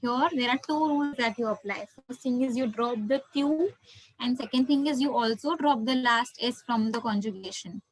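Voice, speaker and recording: A woman's voice: a little high, moderate pace, rough recording. A woman with an Indian accent teaching an interactive online class as a language teacher, encouraging and full of praise, often repeating herself. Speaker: French teacher.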